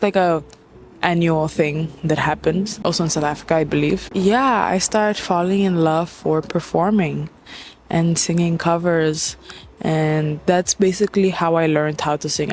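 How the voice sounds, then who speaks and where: A woman's voice: low-pitched, a little mellow, slight background noise. Chatty, playful young woman. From Mozambique. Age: young adult. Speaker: singer-songwriter. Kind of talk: casual Q&A vlog.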